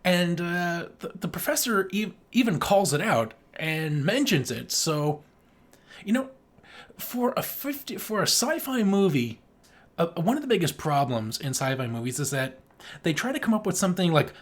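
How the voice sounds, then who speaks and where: A podcast co-host talks at normal speed in a medium-pitched, very animated voice that swings up and down. It sounds like an informal film review: casual, enthusiastic, emphatic, and full of swearing.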